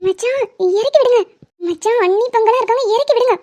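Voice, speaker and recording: A woman voicing a lively, bossy young woman in an animated series, chiding and scolding her family. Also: extremely high pitch, brisk. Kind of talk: animated web series dubbing.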